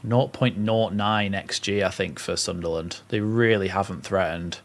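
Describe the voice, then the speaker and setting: Speaking low at a moderate pace, a young northern English man commentates live football for a watchalong stream. Between play-by-play calls he reads out and responds to viewer comments.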